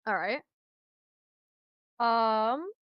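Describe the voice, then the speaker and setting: A woman acts as prosecutor in an online mock trial. Her slightly high voice sounds dry and close. She questions in a halting, searching way. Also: animated, no room sound, lo-fi sound. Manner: hesitant questioning with fillers. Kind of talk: mock trial role-play.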